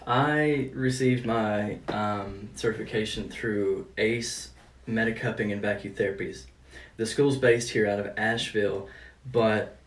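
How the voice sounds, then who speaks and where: A man working as a therapist, casually explaining a treatment with halting, hesitant phrasing. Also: on the low side. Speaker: cupping therapist. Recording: roomy, distant mic, noisy background.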